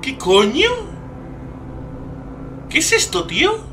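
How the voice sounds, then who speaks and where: A young man with a Spain Spanish accent doing excitable let's play commentary, swearing and shouting when startled. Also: extremely high pitch, takes it slowly, soft background music. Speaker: gaming youtuber.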